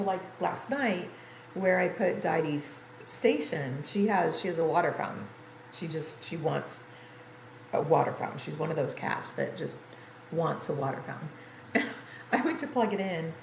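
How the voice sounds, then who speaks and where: An older woman who livestreams games chats casually and ramblingly with her viewers from a room in an apartment, sounding congested and tired. Her voice is on the low side with vocal fry, and the audio carries a roomy echo and faint background noise.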